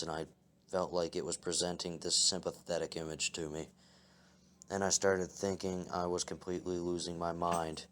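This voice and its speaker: A man reading first-person scary stories aloud as a narrator, in a calm, measured way. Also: deep voice, clean tone. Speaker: story narrator. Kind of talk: scripted horror story reading.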